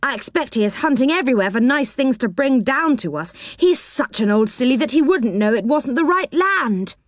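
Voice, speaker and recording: A woman reading aloud puts on a high, lively little storybook man, eager and fussy, his voice leaping about. He sounds dry and close. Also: normal speed, no room sound.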